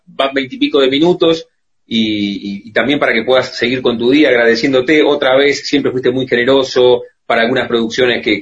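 A man's voice: medium pitch, a bit bright. A man with a Rioplatense Argentine accent hosts a radio interview, chatting and winding through long questions. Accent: Rioplatense Argentine Spanish. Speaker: radio host. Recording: dull lo-fi radio sound.

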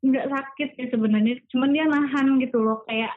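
A woman's voice: high voice, fairly even intonation, normal speed. A young woman, earnestly recounting a frightening personal story in casual slang-filled chat. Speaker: storyteller guest. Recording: tinny phone-like audio.

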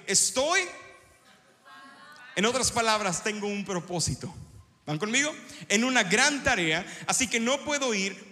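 A middle-aged Mexican man preaching a sermon in Spanish-accented storytelling, asking the congregation questions and drawing them in. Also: very high-pitched. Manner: storytelling, lively and engaging the congregation. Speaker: pastor. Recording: preaching with long hall reverb.

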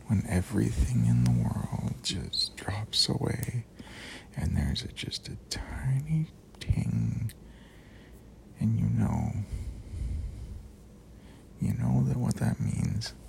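A man doing ASMR in a low, breathy whisper close to the ear, speaking slowly and soothingly with long, deliberate pauses. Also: animated. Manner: close, intimate, right-in-your-ear delivery; slow, deliberate, drawn-out phrasing with pauses. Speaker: host. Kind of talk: ASMR, slow soft whispering monologue.

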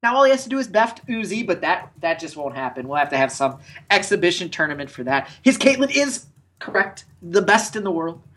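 A woman's voice: lowish voice, sing-song, a little fast, a bit bright. A woman co-hosting an esports podcast, playful and mock-preachy, spinning long stories in casual chat.

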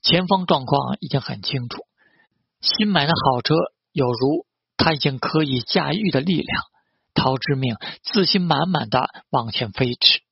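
A man reads a novel aloud as an audiobook. His voice is very husky and gravelly, and every character stays in the same plain tone. The recording is dry and a little muffled. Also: medium pitch, animated, moderate pace, dry recording. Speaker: narrator. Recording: dull, slightly lo-fi dry recording.

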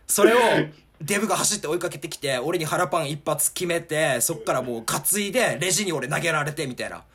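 A man telling a rambling, animated story in casual chat, full of fillers. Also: on the high side, fast talker, husky.

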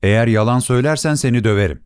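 A man's voice: medium pitch, rapid-fire, a little mellow, clean tone, no room sound, studio quality, lightly acted. A man voicing a stern, harsh father in an audiobook story, speaking in a commanding tone. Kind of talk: audiobook character voice.

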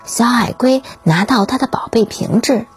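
A woman storyteller narrating a children's story in a gentle, unhurried manner, her voice husky. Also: fairly high pitch. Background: faint background music.

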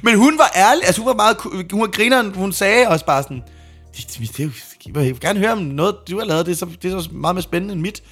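A young man co-hosting a podcast, chatting casually and acting out stories with sudden shouts. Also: sits high, expressive, slightly rough, faint music behind. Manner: jokey, acts out scenes with sudden shouts. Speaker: podcast co-host. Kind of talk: casual chat.

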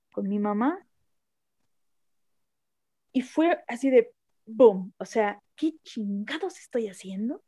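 A woman's voice: a little high, mellow, dry recording, dull audio. A woman with a Mexican accent, a guest telling a personal story in a candid, reflective way and repeating phrases for emphasis. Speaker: interview guest.

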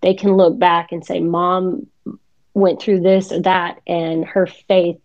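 A woman's voice: lowish voice, little pitch movement, slow. Chatty woman host with a lo-fi sound. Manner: warm storytelling, laughs often. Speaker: podcast host. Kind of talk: casual faith chat. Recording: dull lo-fi sound.

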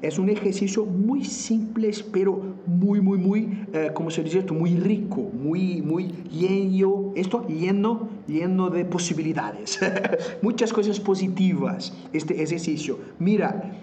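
A vocal coach with a Brazilian Portuguese accent speaks in unhurried, drawn-out phrases, his voice sitting fairly high for a man. He often searches for the right word in his second language, sometimes lands on a Portuguese one, and pauses to show exercises with his own voice. A faint hiss sits behind him. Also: warm tone. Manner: slips in Portuguese words, searches for words; demonstrates vocal exercises mid-talk. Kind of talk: explanatory interview talk.

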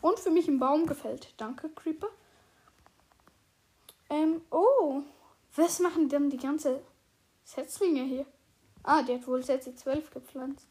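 A woman casually chatting while playing a survival game, excitedly narrating everything she does. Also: high-pitched, slow pace, long pauses. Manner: excitable, narrates her own moves aloud. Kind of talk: casual gameplay chat.

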